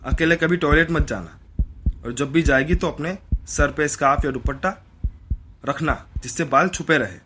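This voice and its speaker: A man voicing a worried, protective middle-aged mother who gives hushed warnings in a horror story. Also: a little high, normal speed, a little hiss or hum, lightly acted. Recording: voice over loud background music.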